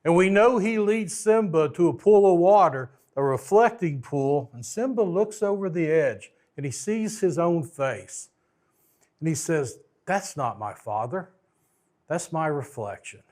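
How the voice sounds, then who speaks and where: A man's voice: a little high, darkish tone. A man preaching a storytelling sermon in a folksy way, with joking asides.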